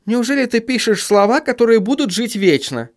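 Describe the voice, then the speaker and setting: Young woman, as a male reader puts her on, light, coaxing, lively, audiobook figure. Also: extremely high pitch, fairly quick, voice pushed up. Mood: teasing. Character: lively cheerful young woman, newspaper partner.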